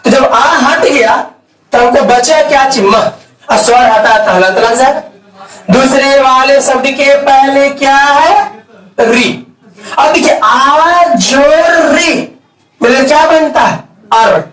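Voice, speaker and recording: A man's voice: very high voice, slow pace, a bit bright. A man teaching a grammar lesson at a board, asking questions and answering them himself, stretching out key words. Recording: echoey room, mic far off.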